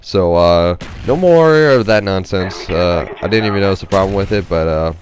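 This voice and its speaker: A gameplay commentator with a deep voice talks at a moderate pace, with slight background noise. His unscripted game commentary is casual and rambling. He sounds hesitant and nasal because of a stuffy head cold.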